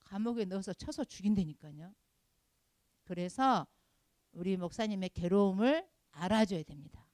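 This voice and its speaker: Woman Sunday school leader, middle-aged, emphatic questioning sermon, mid pitch, dry. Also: lively intonation, moderate pace, darkish tone, no echo. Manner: emphatic, scolding, rhetorical questions to the class. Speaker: Sunday school department head preaching. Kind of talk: children's sermon with call-and-response questions.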